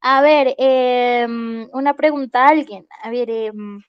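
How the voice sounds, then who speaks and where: A woman leads an online English class, explaining grammar patiently and pausing to check that students follow. Her voice sits high, and the sound is dry and close. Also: steady tone, clear, resonant tone, no echo, dull audio. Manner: patient, checks in often with "¿sí?" and "¿listo?". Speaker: English teacher.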